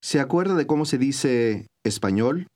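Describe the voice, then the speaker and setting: A man narrates an old-style recorded language lesson in scripted instructional narration, clear and measured like a teacher giving drills. His mid-pitched voice has a darkish tone and is animated, yet he speaks steadily and carefully.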